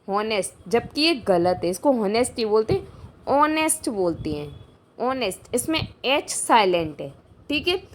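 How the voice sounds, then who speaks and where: A woman teacher explaining grammar for exam preparation. She asks rhetorical questions, repeats key points and reads example sentences slowly. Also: high-pitched, fairly bright tone. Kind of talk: exam-prep grammar lesson.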